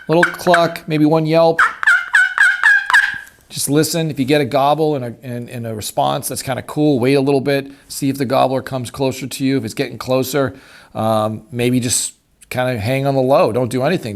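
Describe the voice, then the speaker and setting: A man with a mid-range, slightly mellow voice runs a casual hands-on tutorial on a turkey call at a wooden table. As a hunting instructor, he explains things in a folksy, easygoing manner. The recording is clear, with background noise and the sound of the call clicking.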